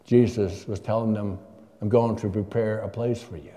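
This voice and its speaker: A long reverb fills the church as an older man, a visiting preacher, gives a sermon from the pulpit and chats with his congregation through questions. His voice sits on the low side with a dark tone, fairly even intonation and a moderate pace.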